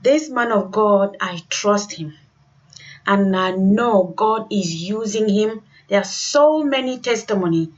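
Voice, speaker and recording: A woman's voice: medium pitch, takes it slowly. Emphatic woman radio host, dull lo-fi sound. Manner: emphatic, repeats phrases. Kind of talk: exhortatory religious radio introduction.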